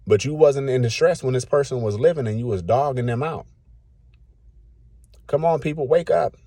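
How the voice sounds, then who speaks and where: A man's voice: mid-range voice, animated, moderate pace, mellow, no room sound. A man in his late thirties giving a blunt, colloquial, preachy rant to the camera. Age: 30s. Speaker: vlogger.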